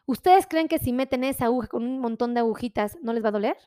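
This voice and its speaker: A woman's voice: a little high, fast, dark tone, smooth, no room sound, studio quality. A woman doctor, explaining health topics to viewers in a chatty, friendly way with many fillers.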